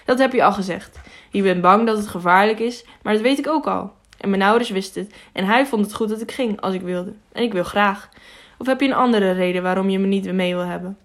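A woman reading the part of an eager, cheerful young male mountain guide who pleads in a lively way. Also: medium pitch, fairly quick, lightly acted.

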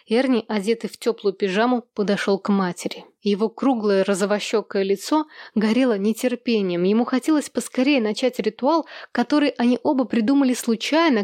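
A woman narrating a novel as an audiobook reader, steady and even. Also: fairly high pitch, no room sound, studio quality. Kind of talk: scripted narration.

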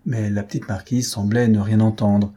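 A man reading a novel aloud as a narrator, in a measured, even storytelling manner. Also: on the low side, husky. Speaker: audiobook reader.

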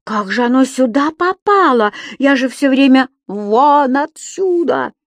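A woman's voice: mid-range voice, sing-song, measured pace, dry recording. A scheming, pompous middle-aged official, played by a woman reader, curt and commanding, sliding into false politeness. Read close and dry, as in a storybook.

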